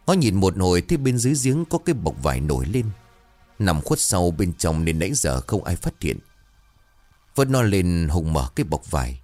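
Low-voiced man narrating a ghost story. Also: darkish tone. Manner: suspenseful, measured. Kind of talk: scripted horror story narration.

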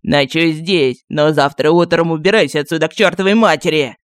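A woman's voice: sits low, brisk, dry recording, clean studio sound, lightly acted. Woman playing brusque, irritable male vampires. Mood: hostile. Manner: brusque, shouting people away. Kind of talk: audiobook character voicing.

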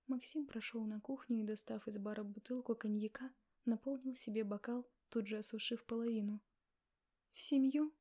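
Young woman reading a romance audiobook, hushed intimate tone, a bit high, warm. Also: steady tone, brisk. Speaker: audiobook narrator. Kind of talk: first-person novel narration.

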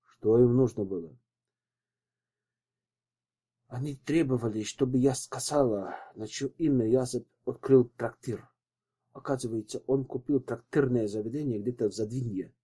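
A man's voice: mid-range voice, normal speed, warm tone, husky, natural voice. A man voicing a frightened young widow who speaks in a trembling, pleading way. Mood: shaken.

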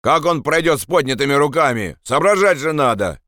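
A man's voice: fairly high pitch, animated, fairly quick, sharp tone, no echo, clean studio sound, voice pushed up. A man voicing suspicious, mocking male soldiers on guard who bark orders. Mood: suspicious commanding.

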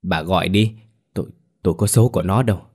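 An old countryman stammers and hesitates, shaken and low-voiced, as a man reads him. He in a storybook ghost tale. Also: quick pace, breathy edge. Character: elderly rural father, shaken by a nightmare.

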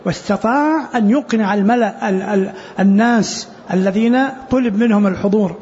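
A man teaching a religious lesson, explaining scripture commentary in a halting way and often repeating words as he restarts. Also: high-pitched, a little mellow. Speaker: sheikh commenting on Quran exegesis. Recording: muffled lo-fi lesson recording with faint hiss.

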